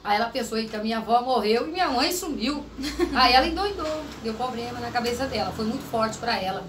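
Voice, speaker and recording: A woman's voice: a little high, expressive, fairly quick. Middle-aged mother telling stories in an echoey room. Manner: storytelling, laughs often, acts out quoted voices loudly. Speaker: mother co-hosting a family vlog. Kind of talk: casual chat. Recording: echoey home room with faint noise.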